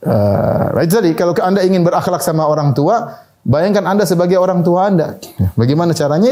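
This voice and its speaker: An Indonesian male preacher with a high-pitched yet dark-toned voice delivers a conversational sermon. He laughs at his own asides and briefly acts out the voices of the people he quotes.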